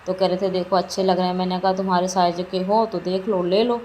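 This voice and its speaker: A woman's voice: on the low side, flat delivery, a little fast, a little mellow, poor audio. A middle-aged woman narrating a shopping trip in a casual vlog, rambling and repeating herself as she talks. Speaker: vlogger. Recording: faint background noise.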